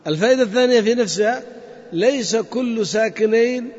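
A man's voice: very high voice, fairly quick, darkish tone. A man teaching a grammar lesson to a class, methodically repeating points and quizzing his students. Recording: dull lo-fi sound in a reverberant hall.

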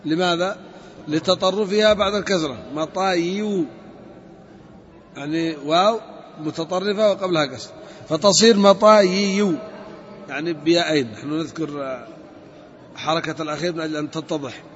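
A man with a high voice teaches a grammar lesson, working through each step and stretching out the word forms as he repeats them. The recording is dull and lo-fi, with a long reverb hanging over his voice. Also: a little hiss or hum. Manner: methodical, repeats and spells out word forms slowly.

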